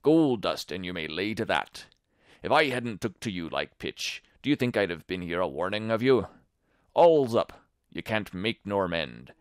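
A man reading aloud voices a crafty older male pirate cook who coaxes in rough sailor dialect. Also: low voice, very animated, normal speed, dry recording, studio quality. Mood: coaxing.

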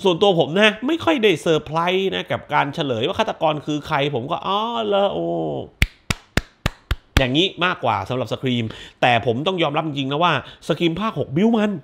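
Animated, foul-mouthed man reviewing a movie. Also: a little high, fairly quick, gravelly. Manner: animated, crude slang, acts out scenes with shouts. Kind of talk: casual spoiler movie review.

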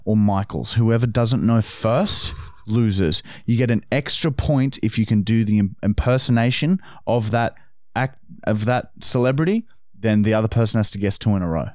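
A man's voice: lowish voice, normal speed, hardly any pauses, a little mellow, dry recording, studio quality. A man hosting a casual podcast segment, wry and explaining rules with the odd swear. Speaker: podcast host running a game segment.

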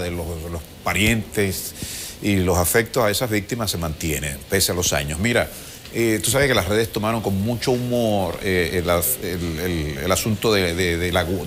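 A middle-aged man hosts live TV, asking wordy questions in a halting way. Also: sits low, a little hiss or hum. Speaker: TV host. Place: TV studio.

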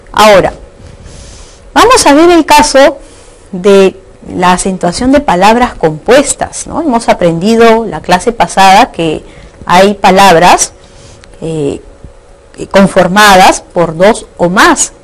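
A patient woman from Peru teaches a recorded grammar lesson. Her voice sits at an ordinary pitch for a woman. She explains the rules step by step and keeps checking in with the class. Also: low-quality recording. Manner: patient, asks rhetorical questions and checks in with "¿no?" and "¿ya?". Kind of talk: online lesson on Spanish accent marks.

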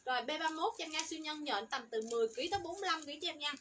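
Rapid-fire high-voiced woman seller. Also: expressive, background noise. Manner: rattles off product codes and sizes, upbeat selling. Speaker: livestream clothing seller. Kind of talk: fast livestream sales pitch.

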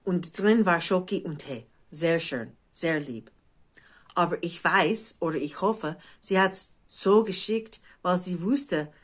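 A woman in her forties from the United States, a native English speaker with an American English accent in her German, chatting casually to camera and often pausing to search for words. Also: fairly low pitch, breathy edge. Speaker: craft vlogger. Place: living room at home, indoors.

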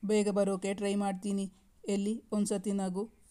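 A woman narrator voicing an affectionate young husband, a busy businessman, who gently coaxes and reassures his wife. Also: medium pitch, completely flat delivery, moderate pace, lightly acted. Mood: coaxing.

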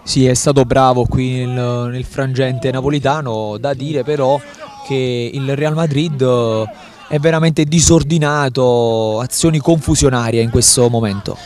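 A man's voice: medium pitch, fairly even intonation, a little slow, darkish tone. A man giving unscripted analysis as the second voice in a football commentary.

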